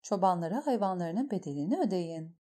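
A woman's voice: fairly low pitch, lively intonation, fairly quick, mellow, natural voice. A woman voicing a commanding, impatient young queen in an audiobook reading.

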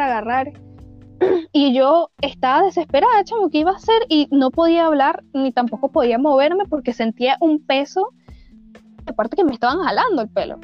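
A young woman with a Venezuelan accent tells a ghost story in casual, slangy chat, full of fillers and restarts. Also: high-pitched. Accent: Venezuelan Spanish. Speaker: podcast storyteller. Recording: dull lo-fi recording with faint music.

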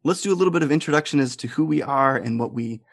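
A man's voice: mid-range voice, fast, vocal fry. A man hosting a podcast, talking casually and conversationally with his guest. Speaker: podcast host.

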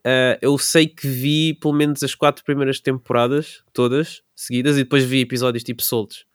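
A man's voice: mid-range voice, flat delivery, normal speed, dry recording, clean studio sound. A young man chatting casually in very colloquial, slangy speech. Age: young adult. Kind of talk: casual chat.

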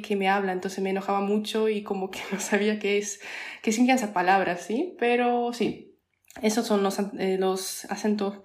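A woman's voice: mid-range voice, a little mellow. A woman whose first language is Polish talks casually as a podcast guest. She explains patiently and hesitates often, with many fillers and restarts. Her voice carries a roomy echo. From Poland. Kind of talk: casual interview chat.

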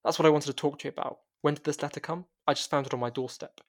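A man's voice: on the high side, steady tone, very fast. A man voicing a young woman who has just lost her job, speaking in a tired, subdued way close to his own voice. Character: weary young woman, recently fired investigator.

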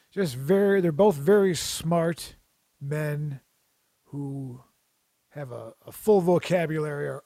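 A somewhat high-voiced man with a dark tone tells rambling, jokey stories in casual conversation, regularly restarting sentences. His sound is close and dry, with no room sound at all.

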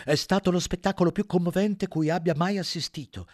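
A man's voice: high-pitched, normal speed, dry recording, studio quality, voice pushed up, close to an everyday voice. A man voicing a sly male pig propagandist in an audiobook, speaking with mock sorrow. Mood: mock-sorrowful.

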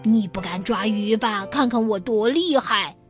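A woman's voice: medium pitch, a little slow, faint music behind, close to an everyday voice. A woman voicing a cheeky, boastful young cat in a children's story, playful and teasing.

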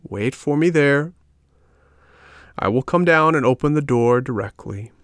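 A man reading a storybook aloud and voicing a calm, unhurried female snail who drags out her words in a slow, placid way. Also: mid-range voice, no room sound, studio quality, voice pushed up, close to an everyday voice.

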